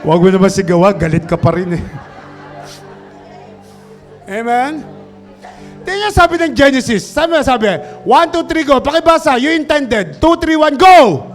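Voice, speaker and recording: A male pastor preaching an animated sermon, mixing Tagalog and English, calling out to the congregation and shouting for emphasis. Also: very high voice, moderate pace, pauses often, soft background music.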